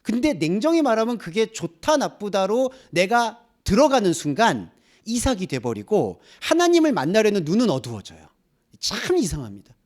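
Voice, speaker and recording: A man's voice: sits high, wildly swooping pitch, moderate pace, darkish tone. A man preaching a sermon as a pastor, asking the congregation rhetorical questions. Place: church.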